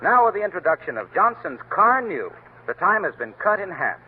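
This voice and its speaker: Over a tinny, lo-fi old radio broadcast with faint hiss, a man announces a 1930s show and reads its commercial with a salesman's emphasis. His voice sits high, and he speaks a little fast and very animatedly.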